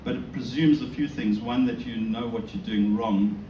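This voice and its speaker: Steady in tone and moderate in pace, a mid-range male voice belongs to a South African man speaking to an audience indoors in a synagogue. His informal religious talk is conversational and self-deprecating, laced with rhetorical questions. Expect echo, a distant mic, and background noise.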